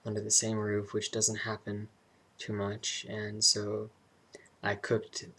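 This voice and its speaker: Young male vlogger, low-ish monotone with vocal fry, halting and introspective, casual personal monologue.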